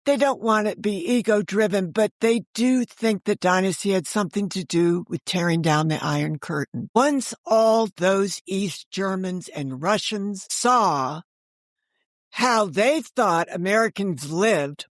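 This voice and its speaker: This woman speaks in a mid-range voice, a little slowly, in a dry studio-quality recording. Appearing as an interview guest, the author and storyteller chats her way through meandering anecdotes, quoting other people in their own voices, in an animated, casual exchange.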